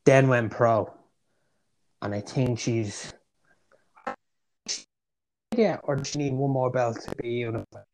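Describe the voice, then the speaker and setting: An Irish man co-hosting a casual podcast chat, thinking out loud and swearing now and then. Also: mid-range voice, slow, pauses often, slight background noise. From Ireland. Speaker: podcast co-host. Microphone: remote call mic.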